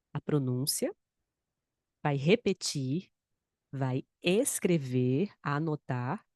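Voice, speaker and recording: A woman's voice: low-pitched, a little mellow, no echo, clean studio sound. A woman with a Brazilian accent teaching Portuguese in an online lesson, patiently repeating words and mixing in Spanish. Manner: mixes Spanish and Portuguese mid-sentence. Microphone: screen-shared recording, close mic.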